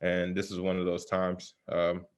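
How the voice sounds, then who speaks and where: A man talking through a mask that muffles him, giving a halting, conversational personal account in an interview. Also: low voice, completely flat delivery, clean tone. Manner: halting, pausing often with "you know". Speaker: interview guest, self-defense shooting survivor.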